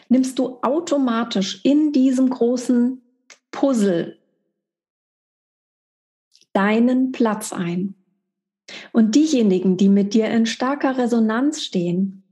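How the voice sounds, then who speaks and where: A middle-aged woman with a fairly high, mellow voice delivers a monthly spiritual energy forecast. She speaks as a coach, addressing the listener directly and emphatically.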